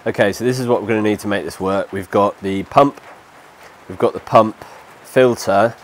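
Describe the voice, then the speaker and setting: With a lowish voice at a moderate pace, a man in his thirties who has a cold-stuffed nose talks viewers through a DIY task step by step. This casual how-to vlog is recorded outdoors under a shelter in the rain on a lapel mic, with gentle rain noise behind.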